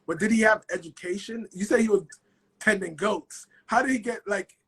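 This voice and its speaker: A man's voice: high voice, normal speed, pushed and bright, husky. A man hosting a casual interview, eager and enthusiastic, full of "like" and "you know". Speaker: host, life coach.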